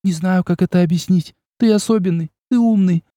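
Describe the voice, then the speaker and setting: A man's voice: high-pitched, a little fast, dry recording, pitched above the performer's own voice, natural voice. A male audiobook reader voicing a proud, fiery young noblewoman who speaks haughtily and sharply. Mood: tearful. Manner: haughty, sharp and tearful by turns. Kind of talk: audiobook character voice.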